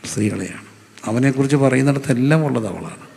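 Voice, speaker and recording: A man's voice: medium pitch, expressive, a little fast, gravelly, dark tone, big-room sound. A man preaching a sermon as a pastor, with a Kerala Malayalam accent, who asks rhetorical questions and answers them himself in a repetitive preacherly cadence.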